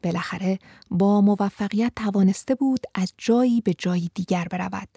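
Brief: female audiobook narrator, calm and measured, gravelly low-lit timbre. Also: dry recording, studio quality. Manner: calm, even, measured reading. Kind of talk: audiobook storytelling.

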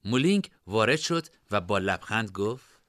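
A man narrating a fantasy story in expressive storytelling style. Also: lowish voice, no echo, clean studio sound.

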